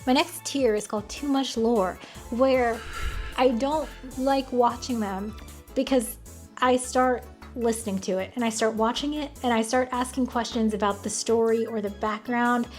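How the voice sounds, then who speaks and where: A woman's voice: fairly high pitch, fairly even intonation, moderate pace. An American woman giving casual, opinionated commentary in a blunt, wry, conversational way. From United States. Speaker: video commentator. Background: music.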